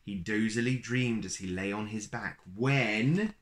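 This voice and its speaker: Expressive and deliberate, a man in his thirties tells a picture-book story aloud to young children in a lowish voice, recorded indoors in a small, plain room.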